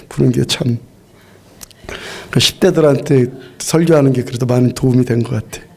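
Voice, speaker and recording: A middle-aged man preaching in a church sanctuary. His voice is mellow and gravelly with a husky edge. He tells his story earnestly, often repeating and restarting his phrases. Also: medium pitch. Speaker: pastor. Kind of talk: sermon.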